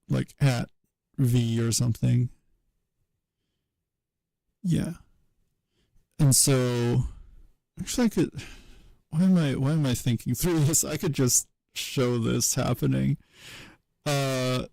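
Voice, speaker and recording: Man thinking aloud on stream, slow and halting, dark gravelly voice, dry close sound. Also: medium pitch, dry recording. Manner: hesitant self-talk with many pauses and fillers. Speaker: streamer working through a linguistics reconstruction.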